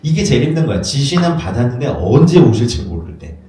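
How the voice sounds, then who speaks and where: A man preaching a sermon as a pastor, lively and acting out little dialogues in playful voices. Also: mid-range voice, fairly quick. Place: church hall. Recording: echoey room from far off.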